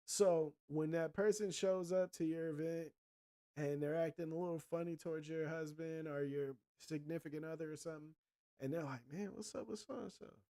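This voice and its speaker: A livestream host dishes out blunt, profanity-heavy advice in a preachy way, addressing viewers directly like a friend giving them a lecture. His voice is a little high for a man but dark and mellow in timbre, with little pitch movement and a normal speed.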